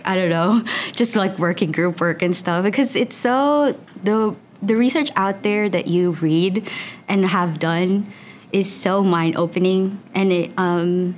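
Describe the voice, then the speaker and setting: A young Filipino woman, whose first language is Tagalog, gives casual interview answers as a student researcher. Her voice is lowish and she's chatty, often using "like" as filler, with a little hiss or hum on the recording.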